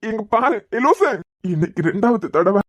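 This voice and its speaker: A woman's voice: a little high, sing-song, normal speed, no room sound. A woman voicing a worried young man in a cartoon series, pleading and tender, with a Kanyakumari Tamil accent. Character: anxious young man tending a fainted girl. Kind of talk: cartoon web series voice acting.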